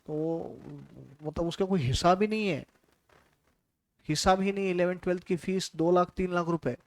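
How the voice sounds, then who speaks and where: Chatty male lecturer, slightly high voice. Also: normal speed, no echo. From India. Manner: chatty, storytelling, asks students questions. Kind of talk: casual classroom lecture.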